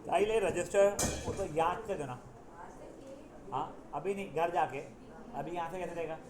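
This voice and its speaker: A man with a slightly high voice, speaking at normal speed, teaches a math class in an echoey classroom with a crowd audible behind him. He works through problems step by step, calling out to students and slipping in scolding and jokes between steps.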